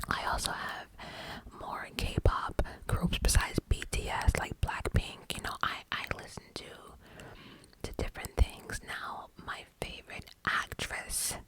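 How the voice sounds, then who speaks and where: An ASMR host speaking in a breathy cupped-hand whisper very close to the microphone, answering questions in an informal, rambling way. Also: a little slow, low-quality recording.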